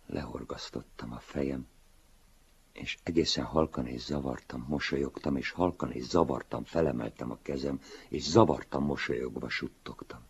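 Gravelly low-voiced man reading a story. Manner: expressive, swinging between pleading and hushed murmurs. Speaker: narrator. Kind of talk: dramatic reading of a literary story.

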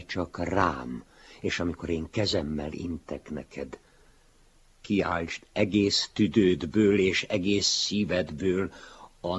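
A man voicing a gentle, soft-spoken master. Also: deep voice, husky, voice pushed up. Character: gentle, calm male teacher figure, a mild master. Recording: dull lo-fi recording.

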